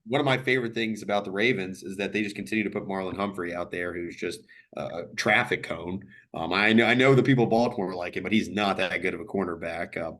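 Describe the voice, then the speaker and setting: A man with a very low voice, chatting as a sports podcast co-host. He pauses and restarts often, reaching for names and words. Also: fairly bright tone. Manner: halting, searching for words with many fillers. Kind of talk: casual sports chat.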